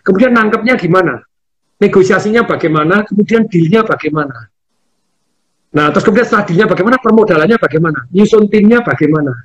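A man talks in a quick, emphatic rush. His voice sits high and sounds husky. He laughs often as he talks. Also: expressive. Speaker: financial seminar speaker. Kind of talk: casual conversation.

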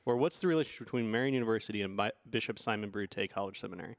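A man co-hosts a podcast in a relaxed, conversational way, his lowish voice creaky and racing along. The recording is dry, with clean studio sound.

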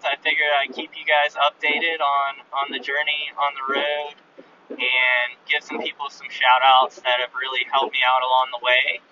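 A man's voice: medium pitch, sharp tone. A male podcast host giving a loose, rambling road-journal update full of fillers, recorded on a phone. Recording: muffled phone recording from a distance, faint vehicle noise.

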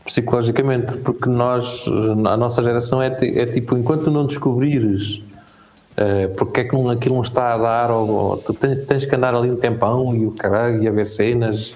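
A man with a European Portuguese accent in a casual podcast chat, relaxed and slangy, swearing offhandedly. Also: mid-range voice, fairly quick.

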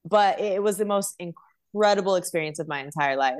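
A woman's voice: on the low side, brisk. A woman being interviewed as a dancer, talking in an eager, rambling way about her work. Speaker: guest dancer. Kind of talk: casual interview chat.

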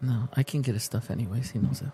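A man's voice: medium pitch, dark tone, a little hiss or hum. A middle-aged man hosting casual podcast banter, full of bro slang and joking, slipping between English and Spanish. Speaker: podcast host.

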